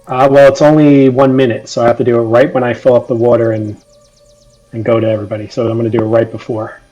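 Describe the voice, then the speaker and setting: A man playing a tabletop game, explaining his moves in a halting way that repeats itself. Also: medium pitch, level tone, warm tone, dull audio, soft background music. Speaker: player. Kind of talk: casual game talk.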